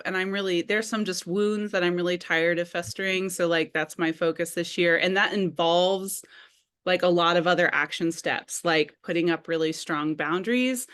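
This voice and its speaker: Woman, candid and thoughtful, somewhat low voice, casual group sharing. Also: fairly bright tone. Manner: candid, thoughtful, with light laughs and fillers. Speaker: community arts meeting participant.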